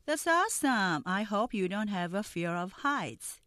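A woman teaching English conversation, reading model sentences slowly and distinctly for learners to repeat. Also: mid-range voice, big pitch swings, fairly bright tone, dry recording. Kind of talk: language lesson with slow repeat-after-me drills.

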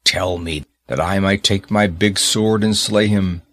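A man voicing a huge, fierce and protective old male giant who speaks slowly in archaic words. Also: fairly even intonation, a bit bright. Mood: furious. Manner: deep, slow, archaic speech.

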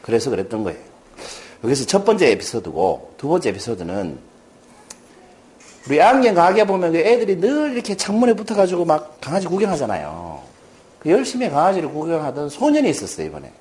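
Lecturing to an audience, a man with a fairly high voice tells stories a little fast. He stays lively and acts out the characters' lines.

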